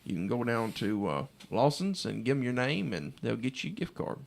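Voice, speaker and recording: Gravelly man hosting a radio contest promo. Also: medium pitch, sing-song, moderate pace, darkish tone. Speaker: radio co-host. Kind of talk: live radio contest promo, casual on-air chat. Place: radio studio.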